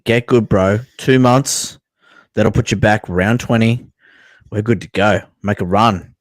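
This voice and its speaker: Low-voiced Kiwi man, blokey podcast banter. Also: unhurried, dry recording. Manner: blokey, slangy, sweary. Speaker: podcast host. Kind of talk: casual sports podcast banter.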